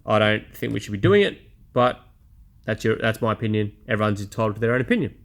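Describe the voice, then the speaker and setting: This man in his 30s talks fast with a fairly low pitch and lively intonation. In a candid personal vlog monologue, he's blunt, chatty, and self-deprecating as he describes his own experience.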